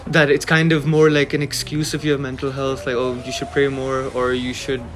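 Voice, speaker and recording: Young male interviewee, halting and full of fillers, faint background noise. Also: mid-range voice, completely flat delivery. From Pakistan. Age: young adult. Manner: hesitant, many fillers and restarts. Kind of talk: casual interview conversation.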